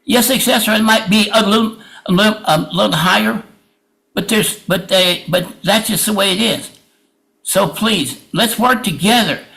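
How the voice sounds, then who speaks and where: A man's voice: sits high, normal speed, creaky, bright, forceful tone, low-quality recording. A man making an impassioned public comment at a meeting, plain-spoken and emphatic, often repeating himself.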